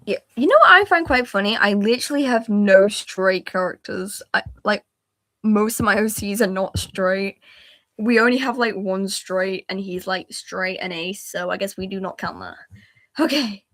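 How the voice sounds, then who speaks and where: A woman's voice: medium pitch, fairly even intonation, measured pace, dry recording, studio quality. A woman live-streaming while she draws on a laptop, chatting casually and narrating each step, often trailing off mid-thought. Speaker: livestreaming artist. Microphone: laptop mic.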